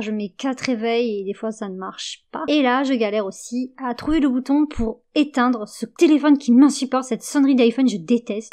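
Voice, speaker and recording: Brief: young female vlogger, casual skincare chat, slightly high voice, soft trailing phrase ends, filler-heavy. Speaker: beauty vlogger. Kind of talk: casual morning-routine vlog with voice-over. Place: small echoey bathroom at home.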